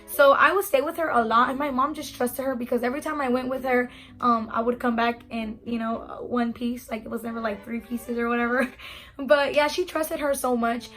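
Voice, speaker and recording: A young adult woman telling a storytime vlog in a chatty, animated way, full of "like" and "you know". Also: on the high side, normal speed, soft background music. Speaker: vlogger.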